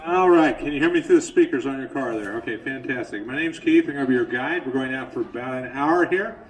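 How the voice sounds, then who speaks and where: Man guiding a tour over car speakers. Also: fast. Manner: plain, patient, sprinkled with uh fillers. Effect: voice played over a train car's loudspeakers. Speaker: underground mine tour guide. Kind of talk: explanatory tour commentary. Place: underground mine tunnels, riding a tour train. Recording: distant, noisy speaker sound with vehicle rumble.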